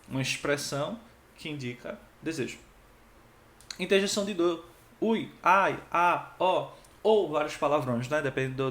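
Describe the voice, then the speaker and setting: Lively Brazilian man teaching in an echoey room. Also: a little high, a little hiss or hum. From Pernambuco, Brazil. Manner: lively, acts out each interjection with expressive tone. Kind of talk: exam-prep grammar lesson.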